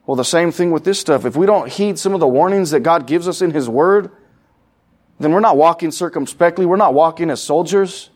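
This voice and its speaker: A man's voice: on the high side, a little fast, darkish tone. A man preaching a sermon in a church sanctuary, talking casually with the congregation and acting out quoted voices. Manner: conversational preaching, acts out quoted voices, asks the congregation questions. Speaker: pastor.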